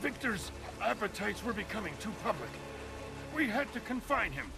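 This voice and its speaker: A cold scheming officer, gravelly. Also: male voice, sits high, over music, full character voice. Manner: calm, measured and persuasive. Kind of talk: video game cutscene acting.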